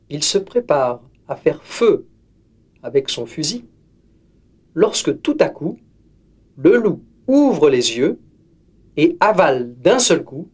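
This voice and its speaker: A man reading a fairy tale aloud as narrator, slow and expressive. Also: on the high side, husky. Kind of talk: storybook reading.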